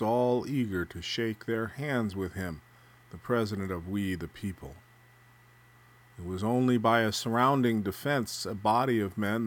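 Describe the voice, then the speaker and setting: A man narrating a literary story, reading prose aloud with a measured, even delivery. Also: medium pitch.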